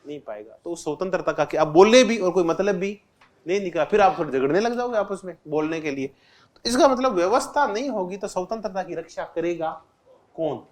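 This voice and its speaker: A man's voice: sits high, lively intonation, fairly quick, a little mellow. A man teaching an exam-prep lecture, constantly asking the class questions and answering them himself, repeating key terms with simple examples. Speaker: political science teacher.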